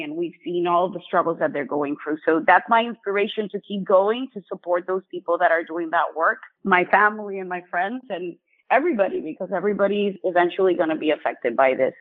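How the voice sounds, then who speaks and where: A woman from Rico, a psychiatrist earnestly telling her story in an interview. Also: lowish voice. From Puerto Rico. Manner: earnest and explanatory. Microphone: phone. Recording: tinny phone line.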